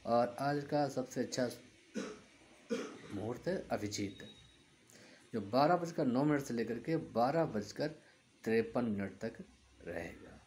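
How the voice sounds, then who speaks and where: Male host, unhurried almanac reader, mid-range voice, faint background hiss, steady item-by-item listing. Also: medium pitch. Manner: steady, itemized listing of dates and times. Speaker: host reading the daily almanac. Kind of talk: scripted almanac reading.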